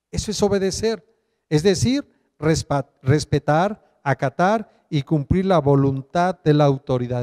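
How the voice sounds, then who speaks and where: A man's voice: high voice, warm tone, in a large hall. A male pastor, teaching an online sermon and asking his listeners questions. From Mexico.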